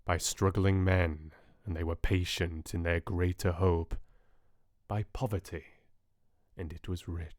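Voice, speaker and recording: Low-voiced man narrating, measured and expressive. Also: no room sound, studio quality. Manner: expressive, dramatic storytelling. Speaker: audiobook narrator. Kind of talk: scripted narration of classic literature.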